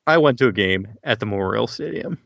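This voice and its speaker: A man's voice: lowish voice, lively intonation, fast talker, gravelly, fairly bright tone, no echo, lo-fi sound. A man from Maryland co-hosting a podcast, chatting casually and joking, often laughing. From Baltimore County, Maryland. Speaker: podcast co-host. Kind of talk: casual chat.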